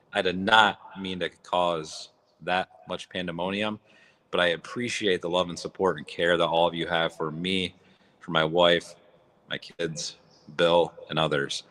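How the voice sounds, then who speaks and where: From a barn, a man hosts a casual livestream on a phone or app mic, his voice echoing around him. He talks in a raw, blunt, rambling way, with a low voice, a steady tone, a measured pace, and a bright, forceful quality.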